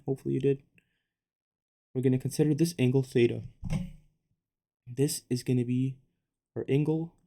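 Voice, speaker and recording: Young man, physics tutor, casual whiteboard lesson, joking asides, flat steady delivery. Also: medium pitch, gravelly. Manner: relaxed, joking asides, self-correcting.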